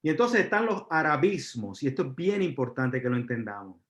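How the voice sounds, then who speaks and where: A man from Puerto Rico with a Puerto Rican accent, giving a live university lecture, pausing on fillers and asking the audience questions. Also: medium pitch, very animated, a bit bright. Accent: Puerto Rican Spanish. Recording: roomy, dull lecture recording.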